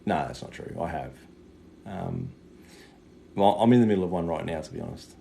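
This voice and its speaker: A man's voice: low voice, moderate pace, dark tone. A man chatting casually on a livestream as a psychic medium, matey and sweary with plenty of slang. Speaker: psychic medium giving live readings. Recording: clear background noise.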